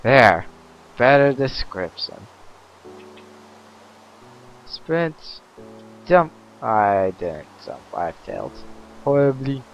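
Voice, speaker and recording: Slow-talking man narrating a game, lo-fi. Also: mid-range voice, creaky, soft background music. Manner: chatty, easily excited, yelps and laughs at mishaps. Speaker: gaming commentator. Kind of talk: casual let's-play commentary.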